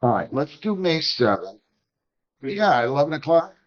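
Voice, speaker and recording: A man's voice: fairly high pitch, very animated, moderate pace, muffled recording. A man presiding as a judge in a courtroom hearing, stern and exasperated as he lectures counsel.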